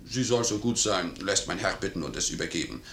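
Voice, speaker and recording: An actor playing a sly, insinuating manservant in a 1950s radio play. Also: male voice, deep voice, animated, a little fast, fairly bright tone. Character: sly, smooth-talking male manservant. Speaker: servant. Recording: echoey 1950s radio studio.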